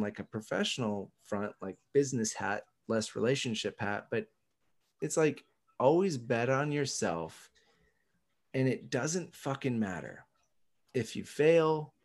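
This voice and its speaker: A man's voice: mid-range voice, darkish tone. A man speaking as a podcast guest in casual interview chat, emphatic, cursing freely and laughing often. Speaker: podcast guest, entrepreneur and coffee roaster.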